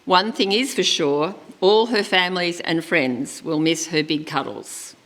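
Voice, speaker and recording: Speaking into a lectern microphone at a church funeral service, a woman celebrant reads a eulogy gently and in a measured way. Her voice sits on the low side.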